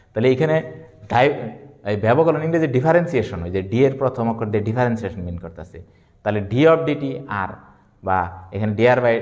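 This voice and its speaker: A male physics teacher, his pitch rising and falling a lot as he lectures. He poses questions and then answers them, slowing down to repeat key terms. His voice carries a long reverb, as if recorded in an echoey room. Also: darkish tone. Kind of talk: classroom lecture.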